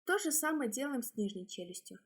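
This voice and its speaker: With a slightly husky, high-pitched voice, a female speech therapist walks through exercises one step at a time. She sounds very animated, though her instruction comes out haltingly.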